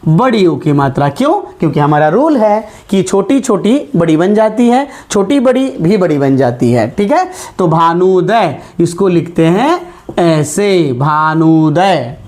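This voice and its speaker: Slow, lively-voiced woman teaching grammar. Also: fairly low pitch. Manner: slow, drawn-out vowels, frequent check-ins. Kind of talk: classroom lesson at a board.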